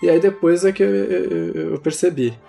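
A young man speaks with a Brazilian Portuguese accent in a casual, slangy podcast chat. His voice sits a little high and has some gravelly fry. Music plays softly behind him. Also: normal speed. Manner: informal, slangy storytelling. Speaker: gaming podcast host. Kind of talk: casual chat about video games. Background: background music.

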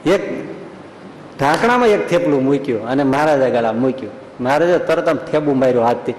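A swami with a mid-range, slightly mellow voice tells a folksy story in a sermon, acting out its characters with lively intonation at a fairly quick pace. The temple school hall sounds echoey with long reverb, plus a little hiss or hum.

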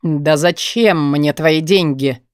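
A woman's voice: low-pitched, normal speed, no echo, studio quality, voice pushed down, close to an everyday voice. A woman reading an audiobook, voicing a smug young male student who blackmails with a cold, lazy drawl. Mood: sneering. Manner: cold, sneering, lazily drawling.

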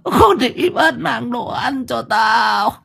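Guy doing a shrill old granny gone mad, raspy gravelly shrieks, wild swoops up and down. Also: lively intonation, bright, forceful tone, raised voice, heavily acted. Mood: screaming rage. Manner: screeching curses, drawn-out wails. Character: crazed, ravenous old grandmother, abusive and shrieking.

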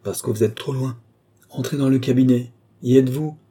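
A man's voice: medium pitch, fairly even intonation, fairly quick, warm tone, husky, close to an everyday voice. A man voicing an imperious mesmerist count who gives insistent commands. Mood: commanding.

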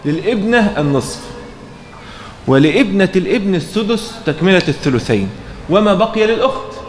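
A man's voice: high voice, big pitch swings, brisk, a little hiss or hum. Egyptian man teaching in an echoey room. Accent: Egyptian Arabic. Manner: reads a passage, then explains it with frequent check questions. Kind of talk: explaining a fiqh text in a lesson. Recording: roomy echo, faint background ambience.

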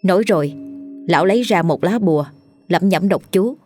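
A woman narrating a ghost story in a lively, dramatic way. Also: fairly low pitch, moderate pace, faint music behind.

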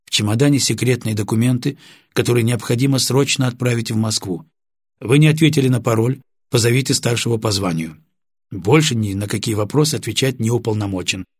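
A man voicing a stubborn, wounded male pilot captain in an audiobook, answering curtly in a husky voice. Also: mid-range voice, fairly quick, dry recording, clean studio sound, lightly acted. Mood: firm. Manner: curt, clipped replies.

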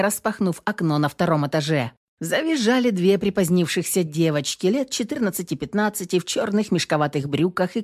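A woman reading a novel aloud as an audiobook narrator, expressive and acting each character. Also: fairly low pitch. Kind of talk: scripted narration.

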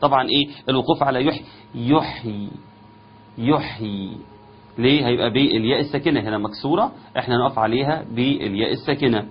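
A man with an Egyptian Arabic accent teaching tajweed. He explains the rules quickly in a conversational way and slows down to chant the verses. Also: mid-range voice, lo-fi sound, slight background noise. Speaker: Quran recitation teacher. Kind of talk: tajweed lesson with chanted recitation.

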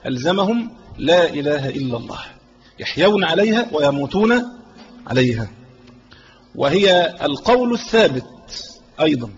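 A man with a fairly high voice teaches a religious lesson at a measured, deliberate pace, slowing down on quoted verses and repeating key phrases. The recording is dull and lo-fi with a faint hiss behind him. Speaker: sheikh teaching creed.

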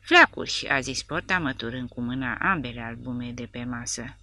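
Woman reading a war novel out loud, low voice, bright edge, super dry recording. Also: dry recording. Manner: expressive storytelling. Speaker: audiobook narrator. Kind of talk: scripted narration.

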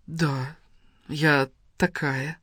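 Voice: medium pitch, level tone, drawn-out words, pushed and bright, slightly rough, no echo, studio quality, heavily acted. A reader doing a baffled, indignant young woman. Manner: puzzled, protesting, groaning.

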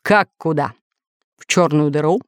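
A woman voicing a boastful, scheming male villain who calmly brags about his monsters in a children's story. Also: deep voice, unhurried, dry recording, studio quality. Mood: smug, boastful. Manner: calm, boastful.

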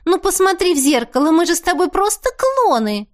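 A woman's voice: very high-pitched, sing-song, a little fast, voice pushed up. A woman voicing a spoiled young woman who whines and pleads with her cousin. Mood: petulant. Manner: whining, pleading.

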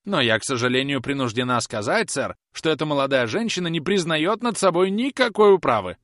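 A man reading an audiobook aloud, voicing a vindictive, croaking old woman housekeeper who screeches her spite. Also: fairly high pitch, sing-song, a little fast, a bit bright, dry recording, studio quality, voice pushed up. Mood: spiteful. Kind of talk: audiobook character voice.

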